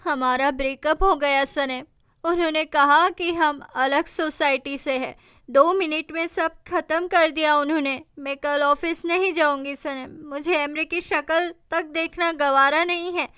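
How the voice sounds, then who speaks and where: Tearful young sister in a dubbed drama, voiced by a woman, high and close. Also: steady tone, measured pace, pushed and bright, dry recording. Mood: heartbroken. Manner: tearful, sulking.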